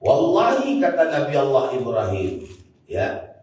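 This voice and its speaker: A man's voice: mid-range voice, animated, measured pace, a little mellow. A man with a Betawi accent preaches a joking sermon, often turning to address the audience directly. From Jakarta, Indonesia. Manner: jokes and often turns to the audience to address them. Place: large mosque hall. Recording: very echoey hall, voice from far off, faint noise.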